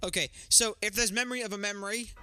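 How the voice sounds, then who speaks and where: A man doing let's play commentary, thinking aloud and getting excitable about a puzzle game. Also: high-pitched, fast. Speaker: gaming streamer. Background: background music.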